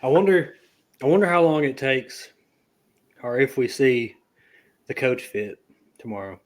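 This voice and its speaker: A man's voice: mid-range voice, lively intonation, unhurried. A man co-hosting a casual sports chat, laughing along and prompting with short remarks. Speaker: co-host.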